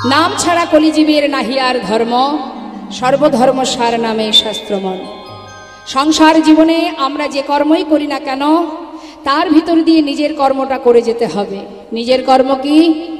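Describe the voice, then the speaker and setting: A woman's voice: sits high, a little slow. A woman kirtan singer who chants devotional refrains and then preaches to a live gathering, calling her listeners baba and ma. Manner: scolds chatting audience. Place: live religious gathering with seats for the audience. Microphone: through a sound system. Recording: echoey hall with long reverb, music behind.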